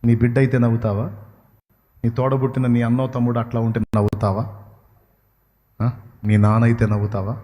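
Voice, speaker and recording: A man's voice: mid-range voice, little pitch movement, a little fast, long pauses, dark tone. A man preaching a sermon, impassioned and questioning his listeners, at times rising to pleading cries. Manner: asks the audience questions. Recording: long hall reverb.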